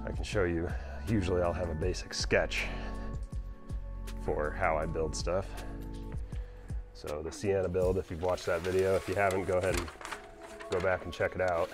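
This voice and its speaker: A man casually walking through his camper van build, explaining plans in a plain, practical way. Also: sits low. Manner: plain, practical, talks while pointing things out. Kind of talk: casual walkthrough narration. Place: inside a cargo van in a workshop.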